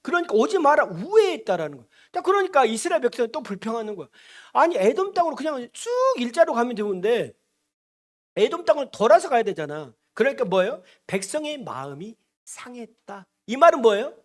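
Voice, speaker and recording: A male pastor preaching a sermon, animated and often asking the congregation questions. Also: very high-pitched, quick pace.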